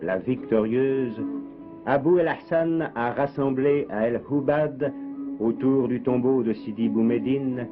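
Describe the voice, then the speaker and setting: A man giving solemn, measured, poetic scripted documentary narration, heard as a 1950s TV broadcast. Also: mid-range voice. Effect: 1950s TV broadcast sound. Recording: dull lo-fi 1958 archive with music. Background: plucked guitar music.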